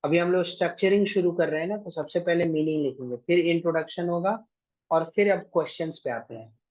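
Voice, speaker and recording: A man's voice: a little high, brisk, darkish tone, highs cut off. A man teaching an online exam-prep class, giving directions and often checking with his students. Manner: directive, keeps checking with "thik hai".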